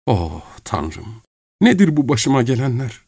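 A man's voice: mid-range voice, sing-song, unhurried, darkish tone, slightly rough, dry recording, clean studio sound, voice pushed up, heavily acted. A man reading a novel aloud, voicing a distraught young woman who pleads emotionally in a raised voice. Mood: pleading. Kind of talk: audiobook character reading.

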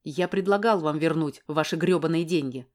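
A gruff, short-tempered grown man barks his lines, read by a woman narrator. The voice sits fairly low, clipped and snapping, in an audiobook. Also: normal speed, darkish tone, close to an everyday voice. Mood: angry.

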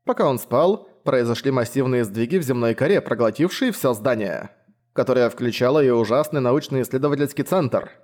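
A hoarse, sardonic creature speaks from a hunter's left hand, as a man reading the story puts it on. It drawls slowly and calmly and sounds ancient and unimpressed. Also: medium pitch, natural voice. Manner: slow, unhurried drawl.

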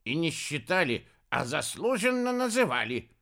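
A man's voice: fairly high pitch, sing-song, normal speed, gravelly, voice pushed up, exaggerated voice. A man doing a touchy, grumpy wild ostrich. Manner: touchy and sharp.

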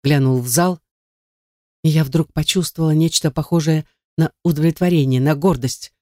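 A man's voice: fairly high pitch, moderate pace, darkish tone, no echo, clean studio sound. A man narrating a first-person novel in a tense, dramatic reading. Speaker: audiobook narrator.

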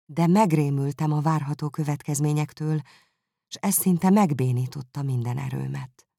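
A narrator voicing Jane, a gentle and anxious young woman, speaking in a soft measured way in an audiobook. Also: medium pitch, vocal fry, no room sound, studio quality. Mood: subdued.

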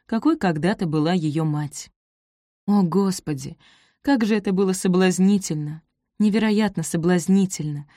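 A woman reading a romance novel aloud as narrator, measured and even. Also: fairly low pitch, dry recording, studio quality. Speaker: audiobook narrator. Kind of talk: scripted narration.

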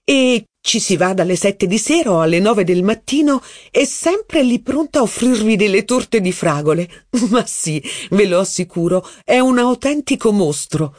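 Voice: medium pitch, expressive, moderate pace, few pauses, dry recording, clean studio sound, voice pushed up, natural voice. An audiobook reader voicing a haughty, witty aristocratic duchess, with mocking, theatrical, exclamatory speech. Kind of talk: audiobook reading.

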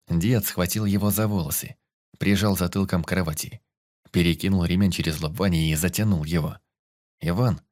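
A man narrating a story in a steady storytelling manner. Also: low voice. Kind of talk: audiobook narration.

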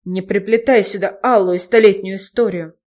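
A woman's voice: medium pitch, fairly even intonation, moderate pace, a little mellow, close to an everyday voice. A woman voicing a curt, irritable man who snaps back. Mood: snapping. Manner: snapping, curt.

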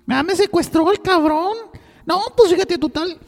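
A woman's voice: very high-pitched, a little slow, vocal fry, darkish tone. A woman with a Mexican accent telling a crude, profane comic story on the radio, rambling and full of slang. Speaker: on-air storyteller. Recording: reverberant studio with faint music.

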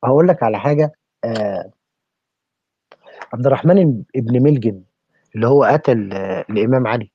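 A man's voice: mid-range voice, animated, a little fast, long pauses, husky. A man with an Egyptian accent speaking passionately in a podcast discussion, firing off rhetorical questions like a preacher. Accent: Egyptian Arabic. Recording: dull lo-fi recording.

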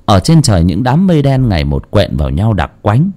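A man narrating a horror story in a slow, brooding, expressive way. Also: fairly low pitch.

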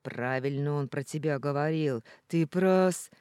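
A woman's voice: low-pitched, unhurried, a little mellow, clean tone, dry recording, clean studio sound. A woman voicing a cold, contemptuous young man in an audiobook, with a harsh, scornful delivery. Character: contemptuous young male boyfriend, cold and cruel. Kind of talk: audiobook character reading.

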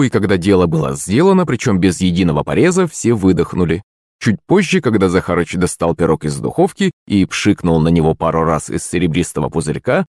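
A man narrating an audiobook with a fairly low voice that swings up and down expressively. The sound is dry and close, with no room around it. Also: dry recording. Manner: lively, expressive storytelling.

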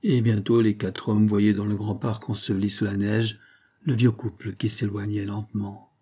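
A man narrating a classic short story in a measured, literary reading. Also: lowish voice, flat delivery, warm tone, slightly rough. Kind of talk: audiobook narration.

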